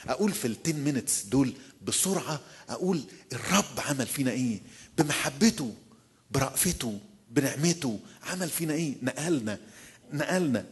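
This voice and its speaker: A man's voice: mid-range voice, husky. A man preaching a sermon in an Egyptian accent, repeating key phrases and putting rhetorical questions to his listeners. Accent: Egyptian Arabic. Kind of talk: sermon at a church retreat.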